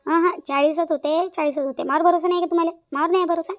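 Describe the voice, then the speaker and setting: A woman's voice: extremely high pitch, fairly even intonation, no room sound, clean studio sound, soft background music. A woman voicing a scheming young daughter-in-law in a cartoon, patronizing and bossy. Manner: patronizing, fast-talking. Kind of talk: cartoon voice acting.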